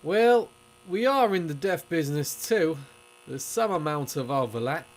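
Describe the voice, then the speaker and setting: A man's voice: fairly high pitch, lively intonation, unhurried, noisy background. A man voicing a wry, grandiloquent undertaker in a cartoon fan dub, with a wordy, theatrical, sardonic delivery. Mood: dry, sardonic. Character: wry, grandiloquent male undertaker and bootlegging accomplice. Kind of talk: animated fan dub acting.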